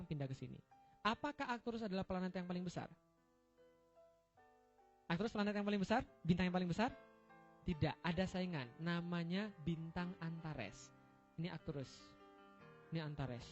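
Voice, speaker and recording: A man with a high, quick voice lecturing like a comic preacher, firing off rhetorical questions and punchlines at his listeners. The recording is dull and lo-fi, with faint music underneath. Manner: joking, quizzing the audience with rhetorical questions. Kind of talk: humorous religious lecture with slides.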